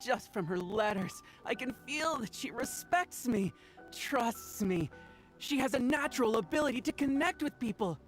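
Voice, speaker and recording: A woman's voice: fairly high pitch, lively intonation, moderate pace, soft background music, lightly acted. A woman voicing an adoring young fan-club member in a video game, who talks in a gushing way.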